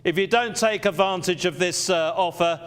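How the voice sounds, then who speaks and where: A man's voice: high-pitched, normal speed, fairly bright tone, clean tone. A man working as an auctioneer on a live sale, calling bids in short, repeated patter.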